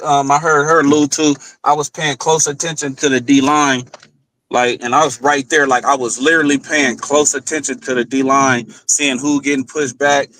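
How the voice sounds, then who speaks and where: A man's voice: mid-range voice, fairly bright tone. A man co-hosting a casual football livestream, rambling through his points with fillers. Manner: rambling, lots of fillers and restarts. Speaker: co-host, football analyst.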